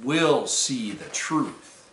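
A man's voice: mid-range voice, sing-song, extremely slow, a bit bright, slight background noise, full character voice. A man reading as a proud, blustering baker. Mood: commanding. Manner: blustering, indignant exclamations. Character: proud, flustered man who runs a bakery. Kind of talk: storybook reading aloud. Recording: roomy echo.

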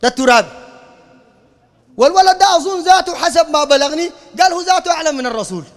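A man's voice: very high voice, lively intonation, fast talker, a bit bright, big-room sound. A man with a Sudanese Arabic accent, giving a heated religious lecture in a combative, mocking, lecturing tone. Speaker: preacher.

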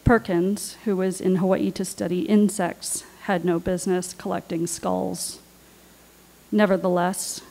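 Woman reading her essay, low and flat. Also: poor audio. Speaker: writer and panelist.

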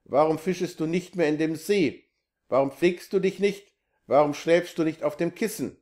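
A man's voice: a little high, steady tone, moderate pace, a little mellow, close to an everyday voice. Male reader voicing a stern, threatening town sorcerer; harsh and scolding.

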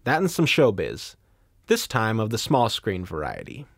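A man's voice: fairly low pitch, wildly swooping pitch, moderate pace, creaky. A man hosting and narrating a podcast in a playful, scripted way. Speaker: podcast host.

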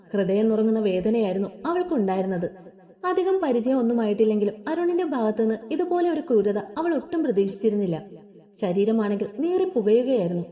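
A woman's voice: on the high side, reverberant. A woman narrating a story aloud, voicing the dialogue of its characters. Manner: expressive, voices the characters' dialogue.

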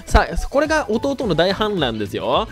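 A man giving chatty, excitable gameplay commentary as a gaming YouTuber, his voice a little nasal and hoarse from a cold. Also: high voice, normal speed, soft background music. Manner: chatty, excitable, breaks into shouts while playing.

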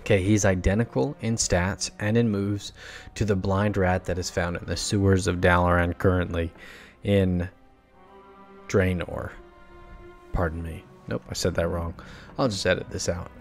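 Quiet, low-pitched man at night. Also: little pitch movement, normal speed, soft background music. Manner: quiet, held-back late-night voice. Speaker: gaming guide host. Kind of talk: casual video game guide commentary.

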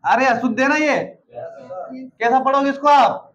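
High-voiced man drilling a lesson. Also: measured pace, fairly bright tone. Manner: asks questions and answers them himself; drills with frequent "ठीक है ना" check-ins. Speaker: exam-prep teacher. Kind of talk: classroom-style lesson.

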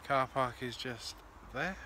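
Medium in pitch, his voice sounds pushed and bright, and he takes it slowly. He's a rambling man vlogging outdoors at a woodland campsite and path, narrating casually and chattily with many ums. A phone camera at arm's length captures the audio, along with clear background noise.

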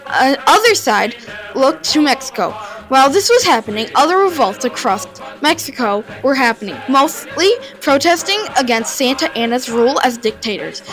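Over a rough recording, a high-voiced woman narrates history for her video, reading aloud informally with a few stumbles. At each new development in the tale, her voice leaps upward abruptly.

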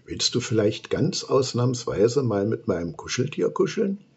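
A man's voice: mid-range voice, big pitch swings, measured pace, creaky, a little mellow, slightly rough, lo-fi sound, full character voice. A man voicing an eager, kind young boy who coaxes with questions in a storybook reading.

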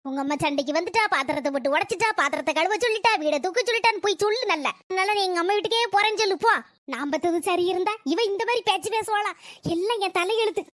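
A woman's voice: very high-pitched, fast, dry recording, studio quality. A woman playing a bitter, self-pitying older mother-in-law in a comedy skit, nagging and sarcastic. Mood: complaining. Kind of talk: scripted comic family quarrel.

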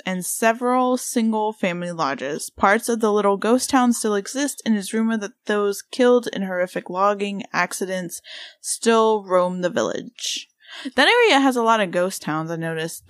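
A woman's voice: mid-range voice, no echo. Chatty woman co-hosting a podcast. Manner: rambling, filler-heavy, excitable. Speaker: podcast co-host. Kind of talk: casual podcast chat.

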